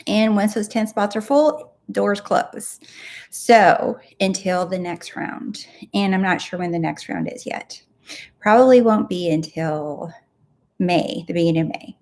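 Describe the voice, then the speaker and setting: A woman's voice: medium pitch, a little slow, darkish tone. Upbeat, emphatic woman coaching live. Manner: emphatic, upbeat coaching talk with blunt asides. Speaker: manifestation coach and show host. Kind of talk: casual live-stream Q&A.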